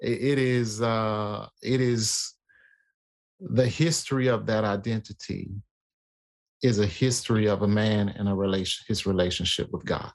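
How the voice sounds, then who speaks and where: A man in casual conversation about faith, talking in a halting way with many fillers and restarts. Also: on the low side, fairly even intonation.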